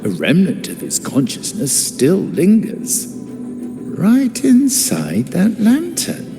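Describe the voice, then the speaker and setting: An actor voices a mocking, cryptic male acolyte villain in a video game cutscene, taunting and theatrical with a swooping delivery. His high, creaky, exaggerated voice swings hugely in pitch at a slow pace. The game audio is reverberant, with loud music.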